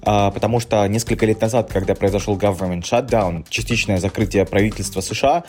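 A man's voice: on the low side, brisk, a little mellow, soft background music. A man delivering a news report as a correspondent.

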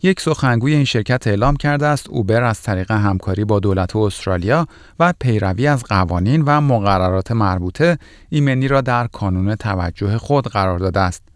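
A man's voice: on the low side, animated, no echo, studio quality. A man presenting scripted news items as a podcast news reader.

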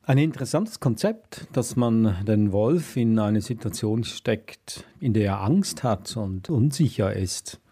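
Husky low-voiced man discussing a book. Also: animated, mellow. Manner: measured, reflective. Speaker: book reviewer, co-host.

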